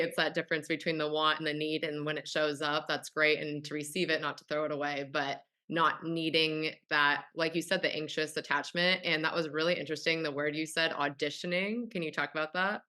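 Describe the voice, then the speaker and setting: A woman's voice: deep voice, fairly even intonation, normal speed, bright, forceful tone. A woman hosting a casual podcast interview, frank and conversational, laughing easily. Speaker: podcast host.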